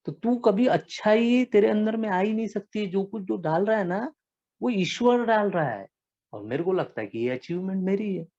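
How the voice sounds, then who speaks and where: A man with a Marathi-tinged Hindi accent sharing his recovery story at a support meeting, forceful and preachy, scolding himself. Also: sits high, lively intonation, normal speed. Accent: Marathi-influenced Hindi. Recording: dull lo-fi online call audio.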